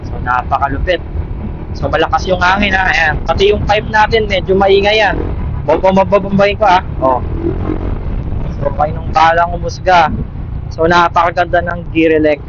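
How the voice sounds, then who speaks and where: In a casual vlog-style product demo, a Filipino-accented man with a high-pitched voice speaks informally at a moderate pace. He's a motovlogger and product reviewer using a Bluetooth intercom mic inside his motorcycle helmet, which sounds dull and picks up loud noise.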